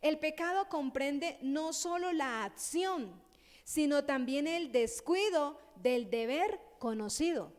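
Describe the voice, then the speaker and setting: A woman preaching a teaching sermon, talking it over with her listeners and often checking in with a quick question. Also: high voice, animated, a little mellow, in a large hall. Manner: conversational, asks "¿sí?" often.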